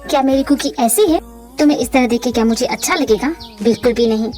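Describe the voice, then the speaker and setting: A woman voicing a tender young husband in a fan audio drama, speaking low and softly to comfort his wife. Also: fast talker, faint music behind, close to an everyday voice. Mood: soothing. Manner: soft, soothing, reassuring. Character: tender, devoted young husband, soothing and calm.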